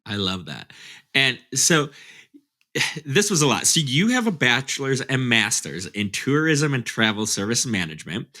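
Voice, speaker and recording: A male podcast host with a bright, lively voice that moves a lot in pitch. He sounds upbeat as he runs through his guest's background. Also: measured pace. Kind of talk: podcast interview.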